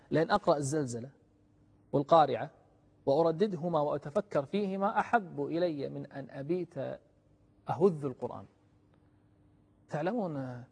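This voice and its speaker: A man preaching a religious sermon, moving between hushed asides and loud, emphatic exhortation in a husky voice. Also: fairly high pitch. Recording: long hall reverb.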